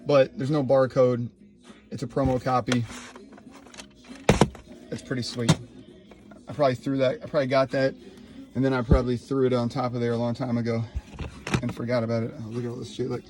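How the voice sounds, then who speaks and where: A man in his thirties, from Ohio, filming a casual vlog in his laundry room on a handheld phone, excited and rambling. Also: medium pitch, very noisy. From Ohio, USA. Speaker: YouTuber. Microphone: handheld phone, no tripod.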